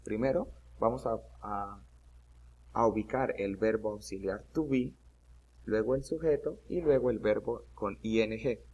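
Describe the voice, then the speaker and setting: A man's voice: on the low side, measured pace, a little mellow, slightly rough, highs cut off. A man teaching an English grammar lesson, explaining step by step and often checking "¿listo?".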